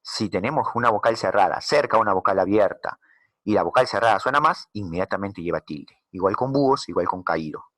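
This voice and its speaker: A man teaching a recorded slide lesson, patiently explaining and slowly repeating key words. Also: on the low side, a bit bright, no echo.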